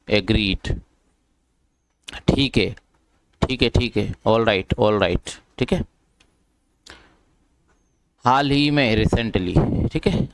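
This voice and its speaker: A man's voice: lowish voice, smooth, dry recording. A man with an Indian accent, a Hindi speaker, teaching spoken English vocabulary in a classroom-style lesson, saying each word twice and often asking the viewer what to say.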